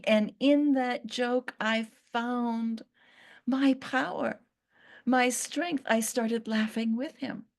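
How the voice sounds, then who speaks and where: A woman channeling a once-cursed fig tree spirit, speaking in a slow, earnest storytelling manner with long pauses. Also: fairly high pitch, gravelly, voice pushed up.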